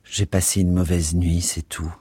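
A man voicing a timid, flustered young man who answers hesitantly, in a husky voice. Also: low-pitched, level tone, moderate pace, mellow, no room sound, clean studio sound.

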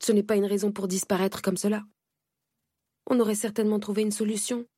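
A woman's voice: mid-range voice, flat delivery, fairly quick, mellow, slightly rough, no echo, clean studio sound, voice pushed up, close to an everyday voice. A woman voicing a harsh aunt who scolds her niece sternly and with contempt.

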